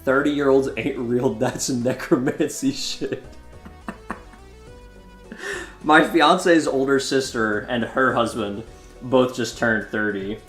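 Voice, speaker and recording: A man's voice: mid-range voice, slow pace, long pauses, fairly bright tone. Joking young guy streaming in an echoey room. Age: 20s. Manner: loose, joking, chatty with viewers. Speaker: game streamer. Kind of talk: casual live-stream commentary. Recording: roomy echo, faint music behind.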